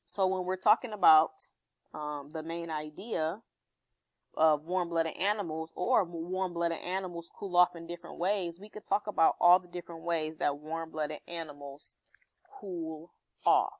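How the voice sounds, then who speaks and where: On the low side and with fairly even intonation, a woman teacher reads informational material aloud and explains it. She pauses to ask her pupils questions to make sure they follow. The recording has no room sound.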